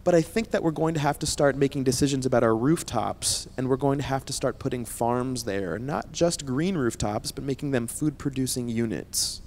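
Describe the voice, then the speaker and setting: Speaking into a handheld mic on an indoor conference stage, the thirtysomething scientist and founder delivers a motivational keynote to students with barely any pauses and at a moderate pace. His mid-range, darkish voice is emphatic, he tags lines with "right?" to engage the audience, and there's slight background noise.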